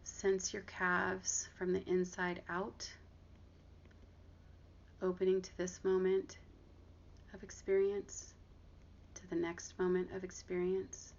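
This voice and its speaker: Speaking in a lowish, gently unhurried voice with gravelly fry and little pitch movement, a woman guides listeners through a body scan meditation, pausing at length between instructions. The audio is dull, muffled and lo-fi, with noticeable background noise.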